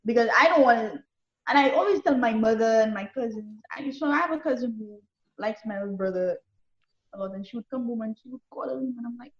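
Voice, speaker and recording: A woman talks candidly as a guest, with a slightly high voice and frequent laughter. She leans on emphatic repetition to make her point. The room is echoey and the sound a little dull. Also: a little fast. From Saint Lucia. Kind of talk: casual conversation.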